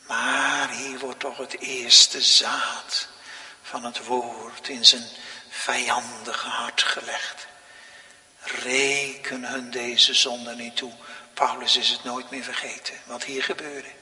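A male pastor preaching a sermon, slow and dramatic, swinging from near whispers to loud exclamations. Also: medium pitch. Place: church. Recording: long reverb of a large hall.

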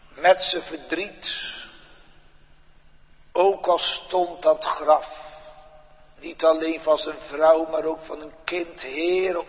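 A pastor praying aloud from the pulpit in a slow, solemn litany of petitions, recorded in a large church. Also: male voice, fairly high pitch. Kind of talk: pulpit prayer. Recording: dull lo-fi church recording with long reverb.

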